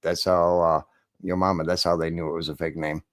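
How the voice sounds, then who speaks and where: A man's voice: deep voice, little pitch movement, fairly quick. A man hosting his channel, giving casual, joking commentary on viewer-sent videos in an offhand, chatty way. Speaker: channel host reacting to videos.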